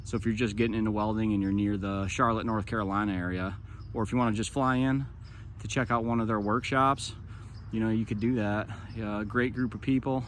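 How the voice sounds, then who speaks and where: American male vlog host, 30s, lowish voice, informal delivery, light outdoor noise. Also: steady tone, fairly quick. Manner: informal, conversational. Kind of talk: casual vlog recap to camera. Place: outdoors, park path and parking lot. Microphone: phone at arm's length. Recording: faint outdoor background noise.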